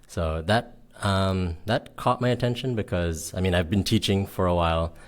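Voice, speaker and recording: A man from Miami, a teacher, answering interview questions in a relaxed way, often pausing on um. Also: low-pitched. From Miami, Florida. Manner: relaxed, hesitant with ums. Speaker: guest, English teacher.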